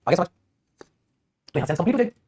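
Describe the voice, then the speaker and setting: A man's voice: high-pitched, sing-song, normal speed, darkish tone, slightly rough. A man teaching English grammar in an online exam-prep lesson, explaining in Hindi, reading English example sentences aloud, quizzing students and calling them "beta".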